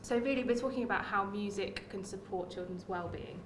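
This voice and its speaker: A woman's voice: mid-range voice, fairly quick, roomy sound, distant mic, background noise. A woman, a music therapist and former teacher, giving a friendly workshop talk with frequent "um"s. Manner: friendly, many "um"s, speaks to the room. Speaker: early years music practitioner and music therapist. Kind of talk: workshop presentation. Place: workshop room.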